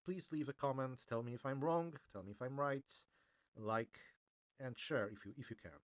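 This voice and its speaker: A man presenting an informal technical explainer in a hesitant, halting way, often correcting himself. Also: medium pitch. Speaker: video presenter.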